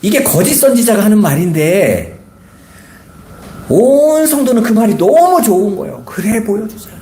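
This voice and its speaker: A male pastor delivers a Sunday sermon in a church sanctuary whose walls ring back his words. His voice sits a little high and swings widely in pitch as he acts out the lines he quotes. He keeps turning to the congregation with questions. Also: sing-song, moderate pace, dark tone. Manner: preaches with acted quotes, rhetorical questions to the congregation. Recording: echoey church room.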